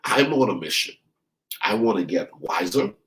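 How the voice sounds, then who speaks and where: A man from the Bahamas, a life coach preaching a motivational sermon, speaking to his listeners directly, repeating lines for stress and drawing out key words slowly. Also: sits low, sing-song, fairly bright tone, poor audio.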